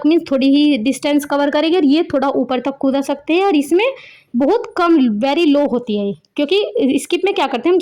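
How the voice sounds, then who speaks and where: A woman's voice: high voice, a little mellow. A woman teaching young children an English rhyme, explaining in Hindi mixed with English words and asking herself questions as she goes.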